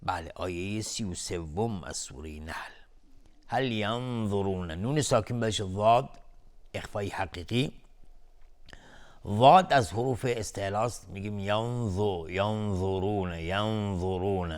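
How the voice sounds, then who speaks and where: Man teaching Quran recitation rules. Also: fairly low pitch. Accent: Persian. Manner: alternates slow melodic chanting with brisk spoken explanation. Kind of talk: Quran tajweed lesson with chanted recitation.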